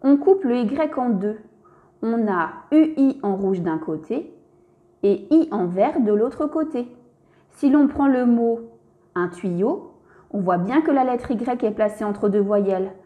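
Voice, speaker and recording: A woman's voice: fairly high pitch, animated, slow pace, phone-quality sound. A woman narrating a scripted reading lesson for young children, spelling out letters and syllables one by one and speaking to the child directly.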